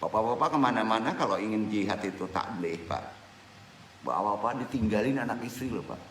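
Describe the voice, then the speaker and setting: An older man teaches a religious study group in a lively, swooping voice, teasing and quizzing the people in front of him. He sounds set back from the mic, in an echoey hall with a faint hum of room noise. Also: fairly low pitch, fairly quick. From West Sumatra, Indonesia. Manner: animated, joking, quizzes the audience. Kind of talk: informal religious study lecture. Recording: echoey hall recorded from a distance.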